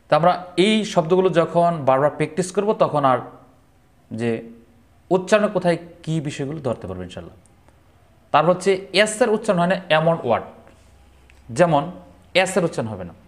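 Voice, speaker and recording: A man teaching pronunciation at a very unhurried pace, drawing each word out and saying it twice. His voice sits a little high for a man. He stops now and then to check that the listener is following. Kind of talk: slow word-list pronunciation lesson.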